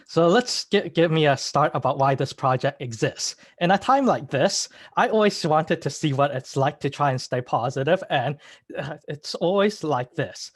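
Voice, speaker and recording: A man giving a prepared speech over a video call, halting and correcting himself, clearing his throat. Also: on the high side, expressive, no echo. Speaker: club member giving a speech.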